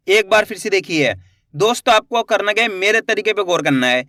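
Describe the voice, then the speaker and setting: Bright high-voiced male teacher. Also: no room sound, studio quality. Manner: slow drawn-out syllables, asks learners to repeat. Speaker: Hindi reading teacher. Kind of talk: spoken lesson.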